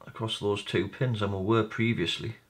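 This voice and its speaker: In a low-leaning voice with little pitch movement and a normal pace, a hobbyist electronics repair presenter explains his hands-on work step by step. He keeps it casual, thinking aloud throughout.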